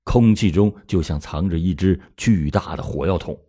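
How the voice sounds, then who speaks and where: A man's voice: low voice, moderate pace, warm tone, husky. A man hosting a show and telling a true-crime story in a dramatic, emphatic manner. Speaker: storyteller and host.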